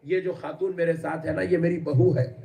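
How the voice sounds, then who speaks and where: Man doing a resigned old woman, plaintive, sermon tale; fairly high voice, recorded from afar. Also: steady tone, creaky, dark tone, recorded from a distance.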